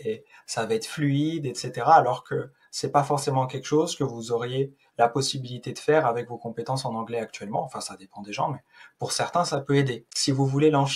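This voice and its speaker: Male YouTuber, husky mid-pitched voice, relaxed informal tutorial delivery with hesitations. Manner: chatty, loose and informal, with frequent hesitations. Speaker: YouTuber explaining a software tool. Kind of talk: casual tutorial explanation.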